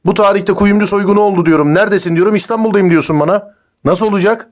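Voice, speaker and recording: A man making a prank phone call as a stern crime officer, interrogating in a pushy, rapid-fire way. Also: high-pitched.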